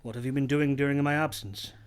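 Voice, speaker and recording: An actor playing a commanding, brooding gentleman past forty in a radio play, with an imperious, brusque manner. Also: mid-range voice, steady tone, fast, smooth, lightly acted.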